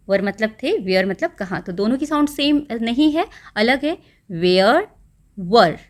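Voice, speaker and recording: Slow, patient Indian woman teacher. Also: fairly high pitch. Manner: patient, explains each word and repeats it in Hindi. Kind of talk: school lesson explaining a textbook.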